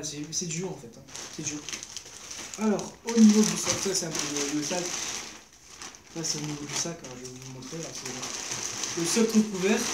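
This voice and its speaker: A young vlogger gives casual unboxing commentary in a hesitant, rambling way, stopping often to hunt for the right word. The room sounds roomy and echoey. Steady background noise and crinkling packaging sit clearly behind the voice. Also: medium pitch. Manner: hesitant, rambling, searching for words.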